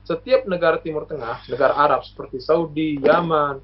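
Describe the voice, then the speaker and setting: Man, from lombok indonesia, guest, patient explainer, hesitant fillers, slightly high voice, muffled sound. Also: fairly even intonation, normal speed, a little hiss or hum. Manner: patient lecturing, full of hesitations and examples. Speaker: guest, university alumnus. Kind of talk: casual explanatory chat. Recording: muffled lo-fi recording.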